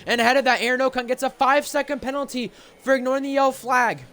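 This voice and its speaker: A man's voice: extremely high pitch, fairly even intonation, fast, sharp tone, clean tone. A man commentating live on sim racing, calling the action play by play as a motorsport commentator.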